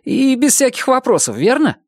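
A man voicing a cheerful young male student who reads aloud slowly and stumbles over words. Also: very high voice, very animated, dry recording, clean studio sound, voice pushed up, exaggerated voice. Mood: pleading cheerful. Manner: slow stumbling reading aloud.

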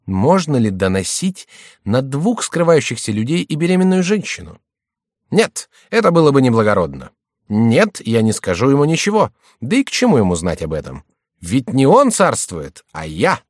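A man's voice: medium pitch, huge pitch swings, normal speed, dry recording, studio quality, pitched above the performer's own voice. A man voicing a sly, mocking court jester who mutters wryly to himself, in an audiobook reading. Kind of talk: audiobook character voice.

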